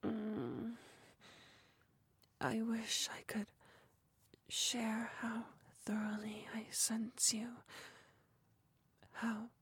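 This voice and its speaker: Breathy, slow whispering woman. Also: fairly high pitch, monotone, no echo. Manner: soft unvoiced whisper, close and slow. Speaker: ASMR performer. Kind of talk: whispered intimate ASMR roleplay.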